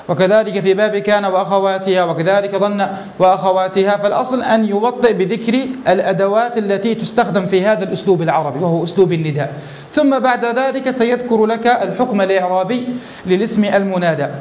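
A male sheikh teaching a grammar lesson, explaining verses step by step and asking and answering his own questions. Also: sits high.

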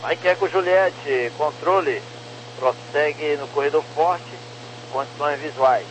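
A man's voice: a little high, a little slow. Brazilian male controller on crackly radio. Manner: clipped procedural phrasing. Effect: crackly radio transmission. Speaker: air traffic controller. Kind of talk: air traffic control radio instructions. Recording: crackly, noisy aviation radio.

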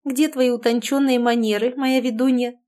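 A woman voicing a cheerful young woman in an audiobook, teasing gently and speaking brightly. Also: fairly high pitch, fairly even intonation, normal speed, pitched above the performer's own voice, close to an everyday voice.

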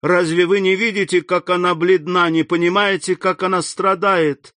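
A man's voice: medium pitch, slow pace, darkish tone, breathy edge, no echo, clean studio sound. A man reading aloud and voicing an eager, exclaiming young woman. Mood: alarmed. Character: young woman in love, excited.

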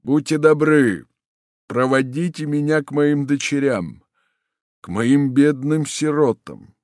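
A man's voice: mid-range voice, a little slow, dry recording, studio quality, pitched above the performer's own voice, natural voice. A man reading an audiobook voices a grieving, angry marshal searching for his daughters. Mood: troubled. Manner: anguished, shouting. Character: grieving middle-aged marshal, a proud angry father.

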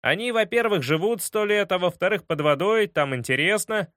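Guy reading a wry doubting kid, high voice, dry close sound. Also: expressive, normal speed, a bit bright, no echo. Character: wry boy narrator-hero, doubtful and clever.

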